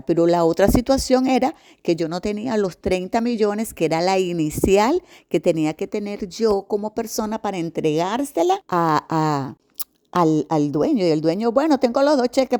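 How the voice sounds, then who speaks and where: A middle-aged woman with a Venezuelan accent giving a personal testimony, animated and acting out the voices of the people in her story. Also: mid-range voice. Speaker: testimony giver.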